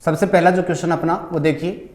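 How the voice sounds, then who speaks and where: A man's voice: on the high side, fairly even intonation, brisk. A male teacher going through exam answers, asking questions and answering them himself. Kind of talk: exam solution lesson. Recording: echoey room.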